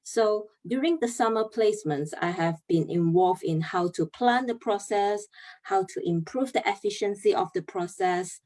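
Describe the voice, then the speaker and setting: A woman's voice: mid-range voice, darkish tone. A young woman from Malaysia, presenting earnestly over a video call and explaining step by step. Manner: earnest, explaining step by step with many pauses and fillers. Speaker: chemical engineer giving a talk.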